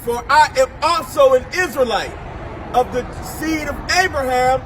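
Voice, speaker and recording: A man reads Bible verses aloud outdoors at a steady pace. His voice is very high for a man. Loud traffic noise fills the background. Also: unhurried, crowd noise. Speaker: scripture reader.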